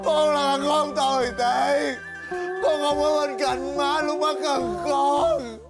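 A woman with a Southern Vietnamese accent playing a grown son who wails and pleads overdramatically, with loud music behind her. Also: on the high side, brisk, lightly acted. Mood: wailing. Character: distraught grown son, emotional and dramatic. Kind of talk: comedy skit acting.

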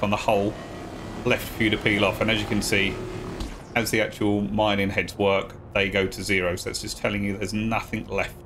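A man talking viewers through a video game tutorial step by step, in a relaxed, casual voice-over. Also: fairly low pitch, slight background noise. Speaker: gaming guide creator.

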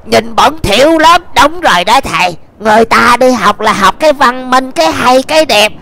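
A woman's voice: fairly high pitch, animated, normal speed, vocal fry, bright, forceful tone, exaggerated voice. A woman voicing a cheeky, whiny young male demon student in a game video voice-over. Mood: complaining. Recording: music bed behind voice. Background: music.

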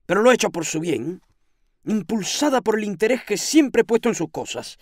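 A meddling older landlady who scolds in shrill, rapid bursts, as a male reader puts her on. Her pitch leaps sharply from line to line, and the reading sounds dry and close, with no room around it. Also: big pitch swings, no echo. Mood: indignant. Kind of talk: audiobook reading.

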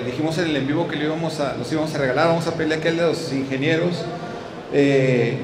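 Man, casual expo host, slightly high voice, busy hall noise around him. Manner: chatty, relaxed, frequent fillers and restarts. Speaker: vlog host touring an electrical expo. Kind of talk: casual on-the-spot walkthrough and interviews. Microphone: handheld mic.

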